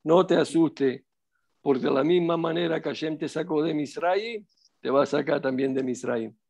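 A man's voice: fairly high pitch, normal speed, gravelly, darkish tone. A middle-aged man teaching as a rabbi in a religious lesson, emphatic and preacherly, full of rhetorical questions.

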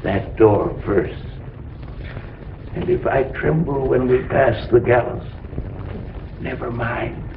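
An actor playing a very old, half-mad condemned villain in 1930s film drama, muttering and wheedling in a creaky voice. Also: male voice, mid-range voice. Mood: wheedling, sly. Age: older. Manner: very old man, slow rambling wheedling mutter. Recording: muffled noisy 1930s film soundtrack, roomy echo.

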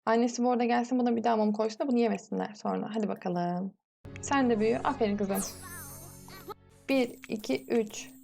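A woman's voice: on the high side, a little fast, creaky, a little mellow, soft background music. A young woman casually commenting on her life-sim gameplay, chatting and scolding the characters on screen. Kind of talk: casual let's-play commentary.

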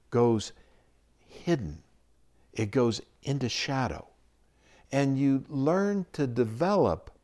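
A man giving a reflective teaching talk, measured and explanatory, with frequent pauses. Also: mid-range voice, darkish tone. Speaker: spiritual teacher.

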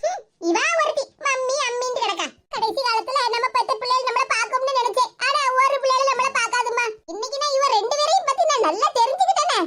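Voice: very high-pitched, fast talker. A performer voicing a bitter, grumbling old mother in a cartoon, with a Tirunelveli Tamil accent and a scolding, self-pitying way of talking. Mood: lamenting. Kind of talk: cartoon voice acting. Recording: loud background noise.

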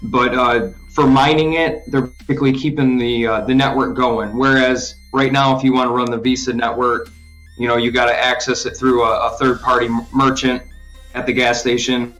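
A man's voice: mid-range voice, little pitch movement, moderate pace, fairly bright tone, faint music behind. A man co-hosting a podcast, explaining things in a rambling casual way with lots of fillers and restarts. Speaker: podcast co-host explaining crypto. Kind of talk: casual chat.

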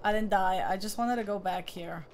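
Live game commentary from a young woman in a small room with colorful lights at her back: she talks to the on-screen character and reads chat aloud in a chatty manner. Her mid-range voice is darkish in tone and moves at normal speed, with slight background noise.

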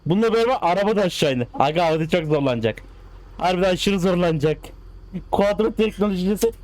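A man giving casual, excitable commentary while playing a driving game, coaxing the cars along as if they were pets. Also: sits high, fast talker. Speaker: gaming channel host.

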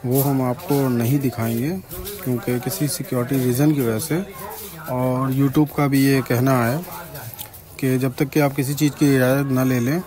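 A young man from India with a Farrukhabad Hindi accent, chatting casually as a vlogger while he walks viewers through a crowded shrine courtyard at night. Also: medium pitch. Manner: chatty, points things out to viewers. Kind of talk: casual walking tour vlog. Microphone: handheld phone camera.

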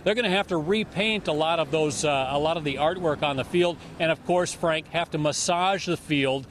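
An older man reporting live for TV news, speaking outdoors at night into a handheld microphone in a brisk, conversational way. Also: a little high, a bit bright, a little hiss or hum. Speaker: field reporter. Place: outdoors at night outside a stadium.

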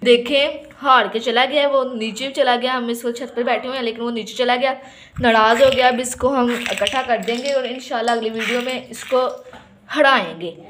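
A woman's voice: a little high, steady tone, moderate pace, fairly bright tone, a little hiss or hum. A woman, casually narrating a family vlog as she plays a game with her child, teasing and playful.

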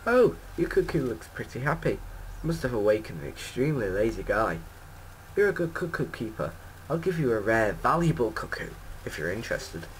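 A man's voice: mid-range voice, very animated, normal speed, slight background noise, close to an everyday voice, rough recording. A man voicing a fussy young woman who breeds cuckoos, reading her game lines aloud in a lightly put-on voice. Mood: pleased.

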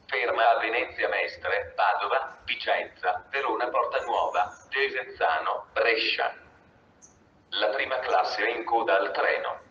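A man making a flat, formal station announcement in a scripted, segmented delivery. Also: lowish voice, unhurried. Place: over a railway station PA. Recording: echoey, dull, noisy station loudspeaker.

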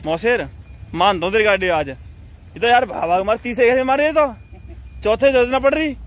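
A young man, an excitable car vlogger commentating a roadside drag race, repeating himself and calling everyone brother. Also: very high voice, a little fast. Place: outdoors on a road beside cars. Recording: outdoor recording with loud car and road noise. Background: car engines and street noise.

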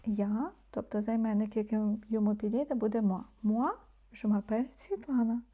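Mellow-voiced woman teaching French. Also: fairly high pitch, fairly even intonation, lo-fi sound. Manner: explains slowly, repeating French words, often dropping to a soft murmur. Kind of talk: language lesson.

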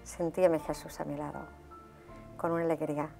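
A woman giving her personal testimony in an interview. She tells it as an animated story and acts out the dialogue. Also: low voice, a little fast, creaky, soft background music.

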